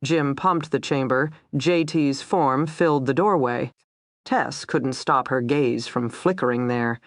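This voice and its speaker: A woman narrating a dark crime thriller audiobook, tense and steady, voicing every character herself. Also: a bass voice, slow, no room sound, clean studio sound.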